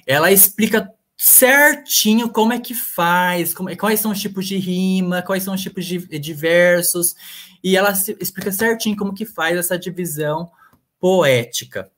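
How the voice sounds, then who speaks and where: A man's voice: high voice, moderate pace, a bit bright. A male literature professor giving a live online lecture over a computer mic, hesitant and full of fillers and restarts.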